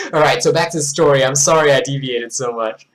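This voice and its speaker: A young man from Singapore hosting a casual story-reading video, with animated, digressive talk. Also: medium pitch, fast talker. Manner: animated and digressive, laughs at his own asides. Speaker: YouTuber reading fan stories.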